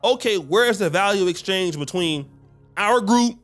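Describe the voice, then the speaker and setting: A man's voice: high voice, animated, normal speed, fairly bright tone, soft background music. A man reacting to a clip in an earnest, lecturing commentary with rhetorical questions, speaking into a studio mic. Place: small studio set. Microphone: studio mic with headphones.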